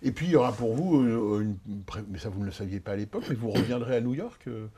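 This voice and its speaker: A man's voice: mid-range voice, animated, quick pace, mellow, slight background noise. A man hosting a TV studio interview, asking searching questions with some hesitation. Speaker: interviewer, host. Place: TV studio set.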